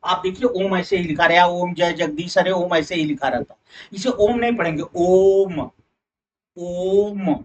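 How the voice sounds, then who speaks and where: A man's voice: sits high, moderate pace. A male teacher running a live online exam-prep class, calling his students "beta" and repeating key points. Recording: distant, dull online class audio.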